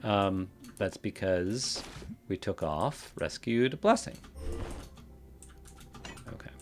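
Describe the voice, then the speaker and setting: A man's voice: lowish voice, expressive, takes it slowly, soft background music. A man casually commenting on a game he plays, thinking aloud and reading out game text. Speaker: game streamer. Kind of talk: let's play commentary.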